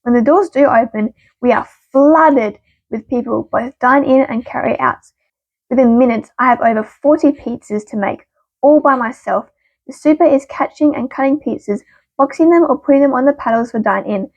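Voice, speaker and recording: A woman reading stories aloud as the channel's narrator, expressive and punchy with quick asides. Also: sits high, no room sound, dull audio. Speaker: story reader.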